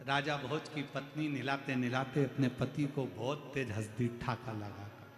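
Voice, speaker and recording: A man's voice: medium pitch, fairly even intonation, unhurried. A man telling a devotional story sermon, emphatic, stacking repeated words and titles. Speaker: religious storyteller. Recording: echoey hall with faint music.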